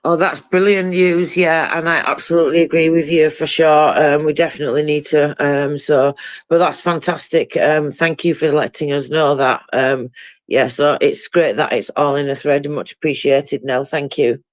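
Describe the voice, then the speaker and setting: Female co-host, croaky and hoarse, informal live discussion style, dry close sound. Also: deep voice, steady tone, moderate pace, dry recording. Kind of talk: casual live discussion hosting.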